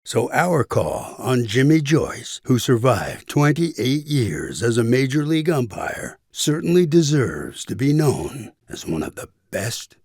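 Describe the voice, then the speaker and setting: Lively male documentary narrator. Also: mid-range voice, unhurried, few pauses, breathy edge, dry recording, clean studio sound. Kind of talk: scripted narration.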